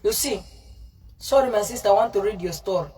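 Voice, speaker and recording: A livestream preacher delivers a fiery, informal sermon, responding to live comments in a confrontational, scolding way, repeating herself and slipping into Pidgin. Her voice is medium-pitched, brisk, and warm, picked up by a distant mic.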